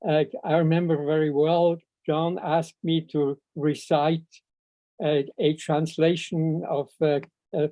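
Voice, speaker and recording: Speaking at a memorial seminar over a video call, this older man from Switzerland offers an informal tribute from a seat indoors. A native Swiss German speaker with that accent, he halts often, hunting for words through long pauses. His dark-toned, fairly high voice moves little in pitch, and the call audio comes through muffled without echo.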